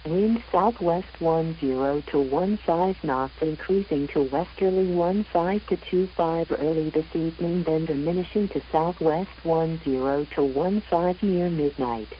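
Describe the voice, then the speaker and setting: A woman reading a marine weather forecast in a measured, even announcer delivery over a VHF marine radio broadcast. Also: sits low, muffled recording, a little hiss or hum.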